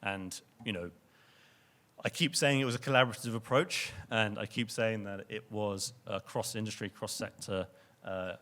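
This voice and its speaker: A young man presents at a conference in a fairly low voice, speaking earnestly. He often backs up to repeat a word before pushing on. He sounds like he is addressing a room full of listeners. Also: moderate pace, pushed and bright. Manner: earnest, repeats words and restarts. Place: lecture venue with audience.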